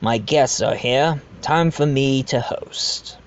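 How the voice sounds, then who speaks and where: Guy acting genteel blackmailer who owns a manor, slow and confiding, dull lo-fi home recording, audio drama. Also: medium pitch, noisy background. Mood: wry, confiding. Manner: confiding, addresses the listener. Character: blackmailing manor owner, self-aware, genteel adoptive father. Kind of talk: amateur audio drama narration.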